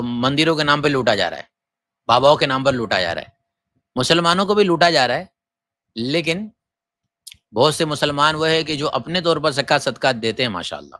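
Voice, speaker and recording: A mufti from Gujarat lectures, his voice tense and bright and pitched a little high. He scolds and teaches at once, stacking up rhetorical questions. The sound is dry and close. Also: no echo. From Gujarat, India. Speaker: mufti teaching Islamic law. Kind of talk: lecture on religious rules.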